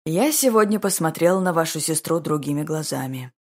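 A calm, ironic duke, as a woman narrator puts him on, speaking in a dry, level, self-assured manner. The voice is low and a little husky. He never raises his tone. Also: moderate pace. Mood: earnest.

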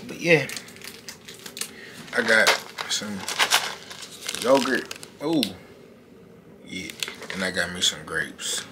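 A man's voice: on the low side, very animated, extremely slow, long pauses. A young man chatting casually to his vlog camera at home in a bedroom, slangy and repeating his phrases. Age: young adult. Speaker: vlogger. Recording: clearly noisy background.

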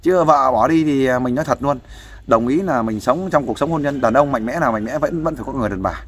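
A man's voice: mid-range voice, quick pace, slight background noise. A man giving fatherly, persuasive advice in a casual interview, often asking for agreement. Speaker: volunteer counselor interviewing a guest.

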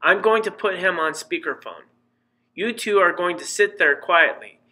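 A worried middle-aged mother from an audiobook, pressing hard and insisting, as a man reads her in a slightly raised voice. Her tone is bright and edged, pushing each point home. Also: high voice, moderate pace, voice pushed up, low-quality recording. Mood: firm, motherly. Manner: pleading, insistent.

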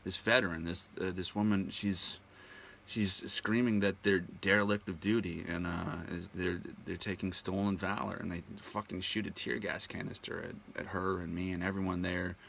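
A man's voice: low-pitched, flat delivery, moderate pace, gravelly, fairly bright tone, slight background noise. A man hosting his own show, delivering a profane, indignant and sarcastic ranting monologue that hammers its words through repetition. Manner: repeats words heavily for emphasis. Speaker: show host.

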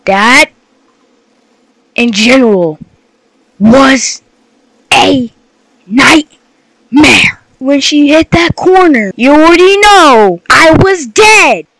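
A man's voice: very high voice, animated, extremely slow, long pauses, bright, forceful tone, rough recording. A young teenage boy screaming in panic during horror game commentary into a headset mic. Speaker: gaming video host.

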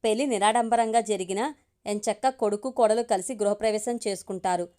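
A woman voicing a warm, eager grandmother in her sixties or older, speaking fondly in a homely way. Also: mid-range voice, a little fast, lightly acted. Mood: affectionate.

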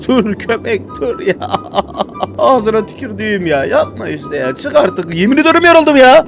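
A young man playing a hard climbing game and commenting in Turkish, swinging between quiet muttering and frantic pleading and cursing at the screen. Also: medium pitch. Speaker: gaming YouTuber. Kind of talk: let's play commentary. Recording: game music playing under the voice.

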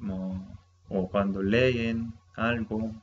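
A man whose first language is Japanese, teaching a slow language lesson in Spanish. He talks patiently, repeating each word and checking in with the listener. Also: fairly low pitch, steady tone. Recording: slightly dull with faint ambient noise.

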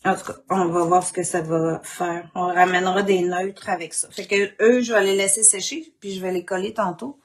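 A woman with a Quebec French accent and a husky morning voice, informally demonstrating an art technique and often clearing her throat. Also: lowish voice, steady tone, normal speed, hardly any pauses. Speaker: craft instructor. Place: indoor craft worktable.

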